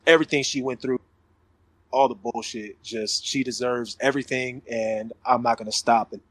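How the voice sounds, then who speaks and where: A man's voice: medium pitch, moderate pace, no room sound, poor audio. Man on a group voice call, dry sound. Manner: relaxed, loose talk with profanity. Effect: voice coming through a group online voice call. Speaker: podcast host. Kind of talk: casual chat.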